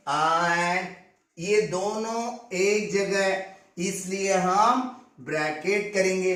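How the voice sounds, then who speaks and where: Slow high-voiced man teaching maths. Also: a bit bright. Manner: explains step by step, asks checking questions. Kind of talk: classroom lecture. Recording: echoey room, distant mic.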